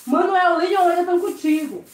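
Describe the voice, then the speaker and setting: A woman's voice: extremely high pitch, normal speed, a little mellow. A woman from Brazil hosting a casual live stream from home, chatting with viewers and greeting them by name while she cleans. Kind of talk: casual live-stream chat reading comments. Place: home service area. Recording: echoey room with faint noise.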